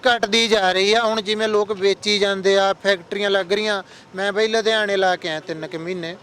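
A young man with a Punjabi accent talks earnestly in a casual street chat, explaining at length. His voice sits fairly high and sounds bright and forward, with traffic noise behind. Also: steady tone, a little fast. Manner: earnest, explanatory, addresses friends as brother. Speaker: interviewee. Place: outdoors on a street.

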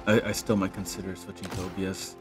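Young guy doing chill game commentary, lowish voice, rambly thinking out loud, bit of music. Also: little pitch movement, quick pace. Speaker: gaming commentator. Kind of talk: casual gameplay commentary.

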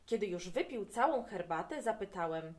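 A woman reads a children's story aloud, her voice lively and rising and falling as she brings the tale to life. Her middle-pitched tone stays clear and friendly for young listeners. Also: normal speed. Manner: expressive, animated reading.

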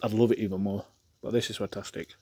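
A man's voice: fairly low pitch, little pitch movement, fast talker, warm tone, breathy edge, no echo. Give me a man talking with his mouth full. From England. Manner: rambling, repeats himself, enthusiastic about food. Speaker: food reviewer. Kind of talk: casual food review vlog.

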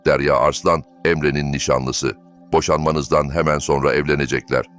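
A man's voice: extremely low pitch, fairly even intonation, normal speed, fairly bright tone. A man voicing a haughty, scheming older mother-in-law with a theatrical, mocking manner. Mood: gloating. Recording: faint background music.

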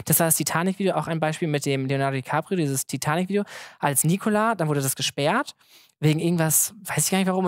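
A man talks very quickly in a casual, chatty way as an interview guest. He tells stories in animated fashion, slipping into bits of quoted dialogue. His voice is recorded close and dry. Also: on the high side, no room sound. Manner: chatty, animated, with many filler words and re-enacted dialogue. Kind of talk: casual chat, storytelling.

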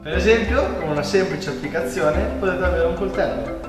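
A man's voice: high-pitched, expressive, brisk. A young man playing a helpful priest in an amateur skit, demonstrating things like a salesman. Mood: salesy. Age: young adult. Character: helpful male priest pitching a phone app. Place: indoor kitchen, far camera. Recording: echoey kitchen, distant mic, music.

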